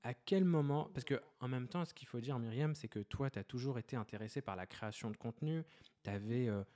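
A man's voice: medium pitch, fairly quick, warm tone. A man hosting a podcast, reading a scripted intro and then asking questions with frequent hesitations. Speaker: podcast host.

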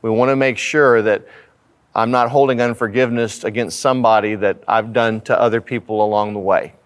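A man's voice: on the low side, fairly even intonation, fairly quick, clear, resonant tone. A man speaking as a pastor, giving a conversational, earnest Bible study sermon with repeated phrasing for emphasis. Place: church sanctuary.

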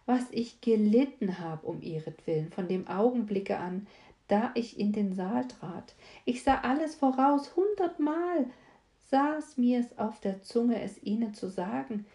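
A woman voicing a gentle, distressed young noblewoman who speaks earnestly through tears. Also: on the high side, animated, a little slow, pitched above the performer's own voice. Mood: tearful pleading. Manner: earnest, pleading, tearful tone. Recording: echoey room.

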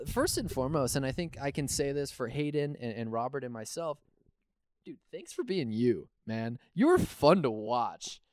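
A man's voice: medium pitch, sing-song, moderate pace, darkish tone, no echo. Socal guy co-hosting a podcast, um-ing and uh-ing a lot, dry close sound. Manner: rambling, many fillers and restarts. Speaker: podcast co-host. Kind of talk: casual podcast chat.

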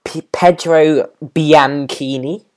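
Podcast host guy, halting, keeps tripping over names and laughing. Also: on the high side, steady tone, a little mellow, slight background noise. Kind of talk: casual chat.

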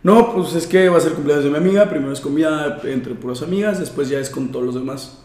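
A young man with a Mexican accent, relaxed and slangy, telling a story in a casual podcast chat. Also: fairly high pitch, quick pace. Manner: relaxed, slangy, recounts with quoted dialogue. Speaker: podcast co-host. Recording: roomy echo.

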